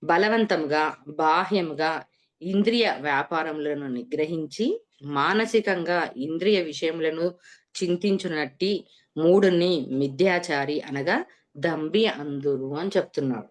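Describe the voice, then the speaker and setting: A woman explains scripture to her listeners in a fairly low voice. She works through each verse, poses rhetorical questions and answers them herself. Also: measured pace. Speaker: spiritual teacher. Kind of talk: scripture lesson.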